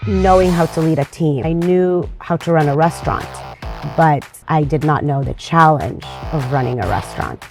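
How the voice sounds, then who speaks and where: A woman from Lebanon, an interview guest, talking in a lively, chatty and restless way. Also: low voice, moderate pace, over music. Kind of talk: casual interview conversation.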